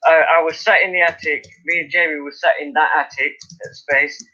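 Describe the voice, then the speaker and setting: A man hosting a live stream from his attic, telling animated stories, laughing and swearing freely in casual chat. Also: on the high side, fairly quick. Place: indoors by an open attic window. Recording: dull lo-fi stream audio.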